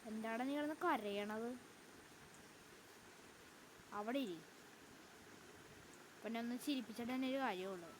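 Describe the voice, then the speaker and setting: A woman's voice: on the high side, expressive, a little slow, long pauses, noisy background. A woman YouTuber giving chatty let's-play commentary, talking to her viewers and breaking into frightened outbursts. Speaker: gaming YouTuber.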